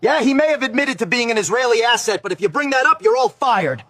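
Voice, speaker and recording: A man's voice: extremely high pitch, very animated, quick pace, sharp tone, heavily acted. A man voicing a cranky, bossy male news producer in a comedy sketch.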